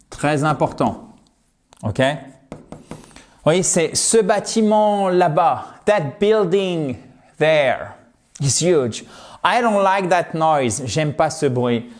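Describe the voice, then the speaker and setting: Slow, careful French-speaking male teacher. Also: medium pitch, darkish tone. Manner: slow, patient, models English words with exaggerated care. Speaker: English teacher. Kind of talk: video lesson. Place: home.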